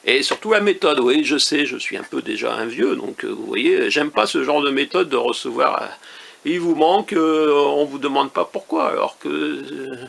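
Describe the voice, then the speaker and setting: A man in his fifties from northern France, talking through a personal grievance in a hesitant, halting way with frequent fillers. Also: a little high, animated, creaky, a bit bright. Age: 50s. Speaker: vlogger. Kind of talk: personal complaint monologue.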